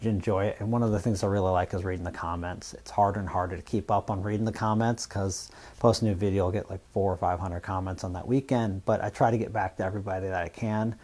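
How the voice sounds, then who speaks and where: A man from the US Northwest who hosts a fabrication channel, talking casually and plainly to camera in a relaxed, rambling way. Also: low-pitched, fast talker, few pauses. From Washington State, US Northwest. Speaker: YouTube fabrication channel host.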